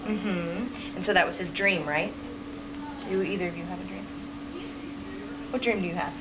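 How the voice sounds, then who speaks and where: With a lowish voice, fairly even intonation, and normal speed, a woman reads aloud to kids like a teacher, quizzing them and warmly repeating their answers back. It's a dull, lo-fi home recording, and background noise comes through clearly.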